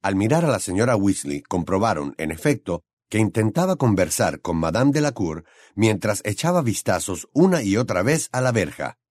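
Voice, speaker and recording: A man narrating an audiobook in an expressive, storytelling way on a close studio mic. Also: on the low side, normal speed, dry recording. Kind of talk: scripted narration.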